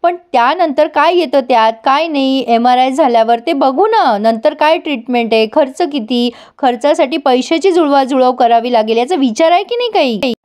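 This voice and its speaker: A woman's voice: sits high, animated, normal speed, few pauses, darkish tone. A woman voicing a blunt, practical young man who talks matter-of-factly in a retold serial. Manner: reasoning, matter-of-fact.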